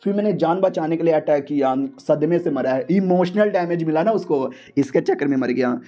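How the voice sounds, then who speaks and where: A man's voice: on the high side, moderate pace, dark tone, highs cut off, natural voice. A man voicing a cocky, casual young male hero who boasts. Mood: boastful, flustered.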